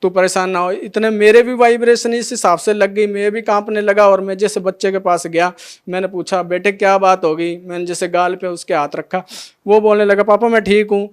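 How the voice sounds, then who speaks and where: A man's voice: sits high, level tone, fairly quick, smooth. A middle-aged man emotionally telling his testimony as a devotee, acting out the dialogue of each scene. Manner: retells scenes by acting out every line of dialogue.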